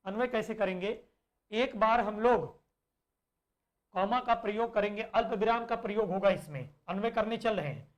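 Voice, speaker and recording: Slow explanations, repeated points, and self-answered questions mark this male teacher's online exam-prep lesson. His voice sits high.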